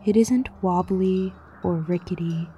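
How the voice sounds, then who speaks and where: With music behind her, a woman reads a scripted guided meditation in a calm, measured way, pausing often. Her voice is on the low side, soft, breathy and frequently near a whisper, and the high frequencies are cut off.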